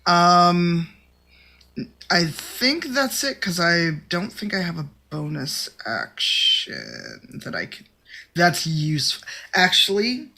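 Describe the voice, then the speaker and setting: A woman's voice: on the low side, very animated, slow, vocal fry, sharp tone. A woman playing a tabletop game, chatting casually in a playful, wry way. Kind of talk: casual chat.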